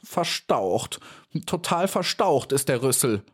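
A man's voice: big pitch swings, moderate pace, slightly rough. A man voicing a cheeky, boastful little female housefly in a storybook reading, cocky and dismissive. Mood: huffy, chatty. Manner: cocky and dismissive, then shrill and pleading.

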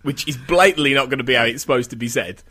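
A male podcast host speaks with an English Midlands accent at a middling pitch. His delivery is hesitant and halting, in the style of a casual discussion. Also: bright, forceful tone, slightly rough.

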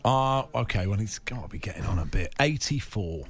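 A man's voice: fairly low pitch, lively intonation, a little fast, breathy edge. A man chatting casually as a contestant in a radio quiz.

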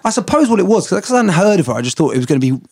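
A man co-hosting a podcast, chatting about an album in a quick, hesitant way. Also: sits high, very animated, vocal fry, darkish tone, breathy edge. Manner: quick, hesitant, many fillers and restarts. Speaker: podcast co-host. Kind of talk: casual album review chat.

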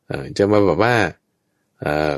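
A man's voice: a little slow, dry recording, clean studio sound. A man teaching Buddhist Dharma in a conversational way, explaining patiently and checking that his listener understands.

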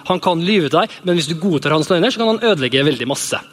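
Fairly high-voiced man preaching in a hall. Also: lively intonation. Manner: conversational, joking, with many fillers and restarts. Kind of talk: sermon.

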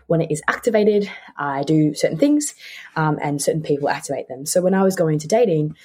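An Australian woman in her twenties hosts a solo podcast, chatting casually and candidly in a low, mellow, slightly rough voice. She often repeats words for emphasis.

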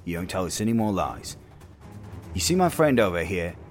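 A man with a very low voice plays a tabletop role-playing game. He speaks in character and threatens another figure to make him talk. Quiet music plays under the talk. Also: very animated, moderate pace. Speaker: player.

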